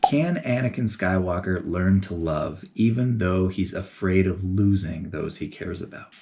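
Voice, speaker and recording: A man giving a casual, animated video essay, talking in a chatty way with geeky enthusiasm. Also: low-pitched, unhurried, gravelly. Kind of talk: casual commentary to camera.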